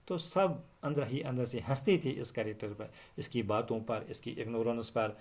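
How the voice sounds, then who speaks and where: A male teacher explaining an English lesson to students, reading each English line slowly and then explaining it at length. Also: mid-range voice, darkish tone.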